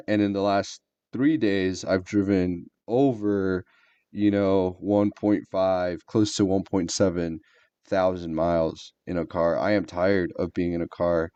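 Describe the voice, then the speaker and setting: A man's voice: lowish voice, mellow, dry recording. A man co-hosting a podcast, telling a rambling story full of fillers in casual chat. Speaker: podcast co-host. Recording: dull lo-fi sound.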